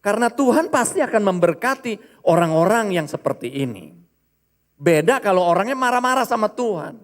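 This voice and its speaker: A male pastor preaching a lively sermon in church, acting out the voices of people he quotes. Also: high voice, a little fast, in a large hall. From Indonesia.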